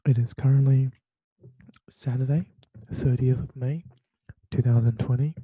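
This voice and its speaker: A young Taiwanese man hosts a solo late-night podcast from his bedroom, speaking hesitantly with lots of fillers and restarts. His voice is medium-pitched, mellow and a bit slow, with a breathy edge and fairly even intonation. The recording is dry with no room sound, and the lo-fi audio sounds dull.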